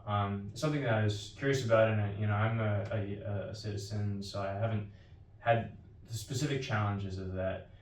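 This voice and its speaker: A man hosts an interview podcast with a lowish voice, working through long questions with lots of "um" and self-corrections. He sounds distant from the mic. The room adds a roomy echo. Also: fairly even intonation, normal speed. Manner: long winding questions with many "um"s and restarts. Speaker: podcast host.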